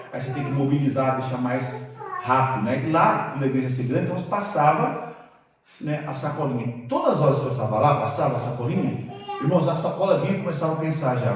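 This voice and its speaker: A man preaching a sermon as pastor, telling a personal testimony in an animated, storytelling way, heard in a church sanctuary. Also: medium pitch. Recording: very echoey church hall, distant mic.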